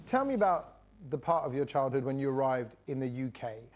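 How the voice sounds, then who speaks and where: A man's voice: mid-range voice, expressive, a little fast, slight background noise. A man interviewing a guest for television, asking questions in a friendly, enthusiastic way.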